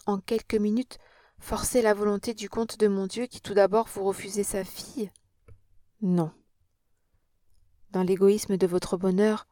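A woman's voice: mid-range voice, dark tone, no echo, clean studio sound, lightly acted. A woman reading an audiobook and voicing an impassioned young Parisian woman with an earnest, dramatic manner.

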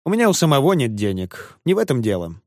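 A man playing a sly, gallant traveling salesman who speaks knowingly and soothes with flattery, his lines lively in pitch. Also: fast talker, dry recording, studio quality. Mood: teasing.

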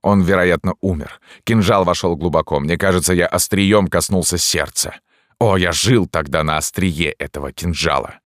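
A man with a deep voice reading an audiobook and playing a desperate, obsessive priest who begs passionately and bursts out in despair. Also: moderate pace, no room sound, studio quality, close to an everyday voice. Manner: pleading, passionate, with outbursts. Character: tormented middle-aged priest, desperate and obsessive.

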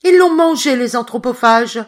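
A woman reading an audiobook, voicing an indignant older woman who speaks loudly and haughtily. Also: a little high, moderate pace, pitched above the performer's own voice, lightly acted. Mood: horrified. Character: indignant older woman, devoted cat keeper.

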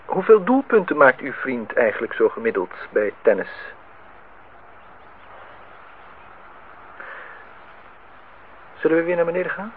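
A man with a slightly high, sing-song voice speaks briskly over a faint hiss or hum. He's an actor in a Dutch radio play, voicing a nostalgic, well-off older man who courts his host and needles him with dry teasing in formal address. The old radio recording sounds muffled and phone-like.

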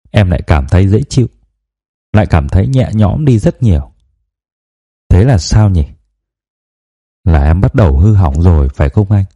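A male audiobook narrator reading a first-person novel in a confiding, reflective way. His voice sits very low and sounds mellow and warm. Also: highs cut off.

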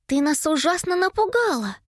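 A woman's voice: extremely high pitch, sing-song, moderate pace, no room sound, studio quality, voice pushed up. A woman voicing a young girl who urgently coaxes and calls after a runaway sheep in an audiobook story. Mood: coaxing. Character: girl Annika, bossy and caring with her sheep.

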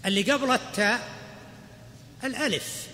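A man teaching a grammar lesson, explaining step by step and quizzing the class with quick questions. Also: very high voice, sharp tone. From Saudi Arabia. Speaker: sheikh teaching Arabic grammar. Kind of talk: classroom lecture. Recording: reverberant hall, faint background noise.

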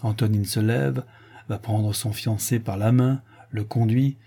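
A man narrating a classic novel as an audiobook, with steady, measured storytelling. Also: on the low side, gravelly, breathy edge. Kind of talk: audiobook reading.

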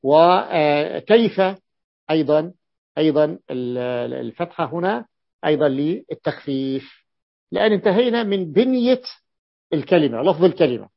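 A man's voice: fairly high pitch, lively intonation, normal speed, vocal fry, no room sound, highs cut off. A man teaching a grammar lesson, explaining step by step and repeating key points for his students.

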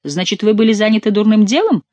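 A woman's voice: on the low side, normal speed, dry recording, natural voice. A woman voicing a hot-tempered, furious male count in an audiobook, blustering and angry.

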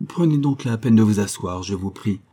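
A man reading aloud and voicing a reserved young clergyman who speaks coldly and formally, in a husky voice. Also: fairly low pitch, animated, normal speed, warm tone. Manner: cold, formal.

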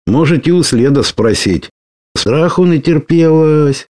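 A man voicing a lively, bold young woman warrior who talks brashly and teases. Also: fairly high pitch, unhurried, no echo, clean studio sound, voice pushed up. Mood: indignant. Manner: brash, teasing, excitable.

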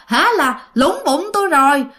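Woman putting on a defiant possessing spirit, southern vietnamese accent, rough, raised pitch. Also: very animated, normal speed, fairly bright tone. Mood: shrill begging. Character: angry possessing female spirit, defiant then begging.

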